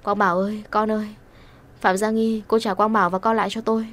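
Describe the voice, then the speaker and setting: A woman voicing a heartbroken, devoted young wife in an audio story, speaking in a soft, pleading way. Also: mid-range voice, level tone, fast, natural voice.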